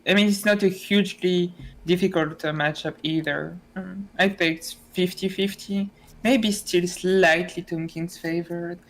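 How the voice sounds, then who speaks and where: A woman casting a strategy game tournament, talking casually with many fillers and restarts. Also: fairly low pitch. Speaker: esports caster. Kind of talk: tournament commentary.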